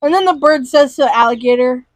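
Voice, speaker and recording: High-voiced woman telling a story with gusto. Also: fast, dry recording, rough recording. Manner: animated storyteller, acts out characters' lines. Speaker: podcast co-host. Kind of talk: casual chat.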